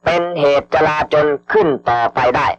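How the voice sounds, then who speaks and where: A man slowly dictating official government orders over radio, formal and measured, repeating each phrase and reading out the punctuation. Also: fairly bright tone. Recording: dull lo-fi archival radio broadcast.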